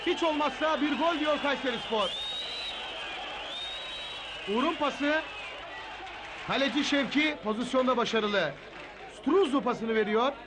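A man giving excited football match commentary in a shouting, screaming delivery. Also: extremely high pitch, unhurried, long pauses. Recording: loud crowd noise behind commentary. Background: stadium crowd.

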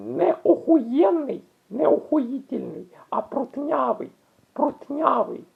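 A woman explaining word usage in a casual video, halting often with restarts and drawn-out fillers. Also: high-pitched, animated, gravelly. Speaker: language explainer. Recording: tinny phone-like audio.

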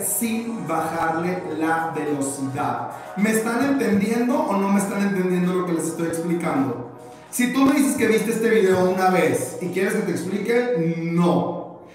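Upbeat high-voiced teacher, echoey hall. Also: male voice, darkish tone. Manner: upbeat, encouraging, mixes Spanish and English, slows for dictation. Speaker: English teacher. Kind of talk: live online English class. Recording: echoey hall, far from mic, music behind.

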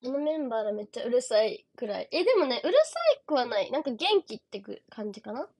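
A young woman with a Kansai accent chats on a close mic in a casual livestream. Her voice sits high and bright. She is bubbly and giggly, and she keeps calling out viewers' names to thank them. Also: expressive, fast. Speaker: idol livestream host. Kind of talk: casual livestream chat reading viewer gifts.

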